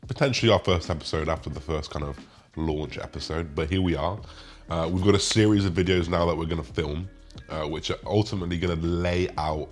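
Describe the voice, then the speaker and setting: A man with a slight lisp and slushy s sounds, hosting a video and explaining things casually to his viewers. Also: low voice. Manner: lisp with slushy s sounds from new dental retainers. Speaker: host, men's physique bodybuilder.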